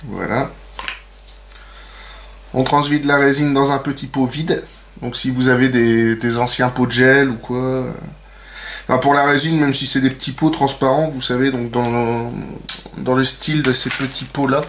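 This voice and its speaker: A man runs a casual nail art tutorial, chatting away with plenty of fillers and repeated "donc," and tossing in playful, self-mocking asides. His mid-range voice is steady and fairly bright, at a moderate pace. There's slight background noise.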